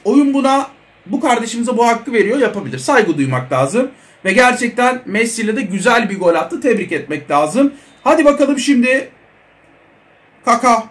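A young man giving casual, excitable commentary over a mobile football game, chatting to his viewers. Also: extremely high pitch. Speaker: mobile football gaming creator.

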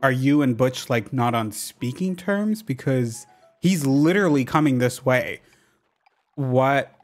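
A man commenting over a cozy life-sim game, sarcastic and playful, teasing the characters. His voice sits in a middle pitch, and light game music plays faintly behind him. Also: expressive, unhurried. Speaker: gaming channel host. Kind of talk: let's play commentary.

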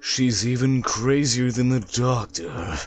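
A man's voice: mid-range voice, takes it slowly. A man voicing a bitter, scornful old man from a video game, mumbling to himself. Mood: grumbling, bitter. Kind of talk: reading video game dialogue aloud.

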